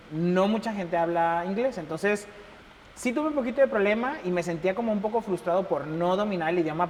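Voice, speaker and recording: A young Mexican man with a Mexican accent, chatting casually as an interview guest and telling stories with lively acted-out dialogue. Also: sits high. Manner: animated, acts out quoted dialogue, laughs often. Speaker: embassy chef, interview guest. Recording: reverberant room with faint noise.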